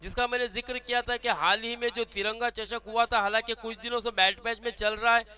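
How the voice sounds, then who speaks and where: Indian man calling big hits, bright and forceful. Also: sits high. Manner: effusive, dramatic calls of boundary shots. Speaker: cricket match commentator. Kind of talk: live excited cricket commentary, calling big hits.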